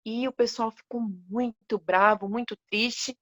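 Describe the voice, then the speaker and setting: A woman with a Brazilian Portuguese accent telling a children's story, animated and expressive, with gasps. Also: a little high, a little slow, no echo.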